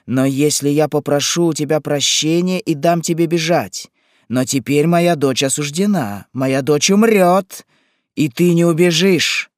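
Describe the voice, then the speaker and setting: A man's voice: fairly high pitch, expressive, slow pace, slightly rough, dry recording, studio quality, heavily acted. A man reading an audiobook, voicing a frantic grieving old mother who shrieks and accuses. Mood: furious. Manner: shrieking, accusing, sobbing outbursts. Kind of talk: audiobook character voice.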